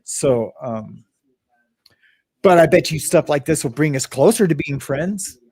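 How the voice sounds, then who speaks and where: Man, livestream host, slightly high voice, dry close sound, rambling and chatty. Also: lively intonation, unhurried, darkish tone, breathy edge, dry recording. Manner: rambling, greets chat viewers, frequent restarts and filler. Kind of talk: casual livestream commentary.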